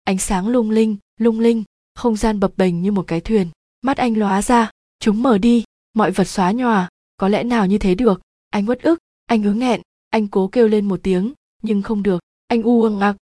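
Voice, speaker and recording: A woman's voice: mid-range voice, dark tone, no room sound, studio quality. A woman reading a literary story aloud as narrator, dramatic and emotive.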